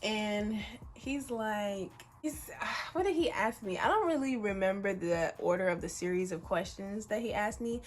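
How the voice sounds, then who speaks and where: A woman of about twenty telling a story to camera in a casual, animated, chatty way, full of fillers and swearing. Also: medium pitch, unhurried, a little hiss or hum. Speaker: vlogger.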